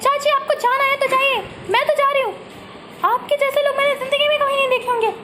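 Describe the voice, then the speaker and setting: Bratty, boastful young girl, very high and shrill , a woman doing the voice, homemade skit. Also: fairly even intonation, bright, forceful tone, a little hiss or hum. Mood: urgent. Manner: shrill and boastful, quick to scold.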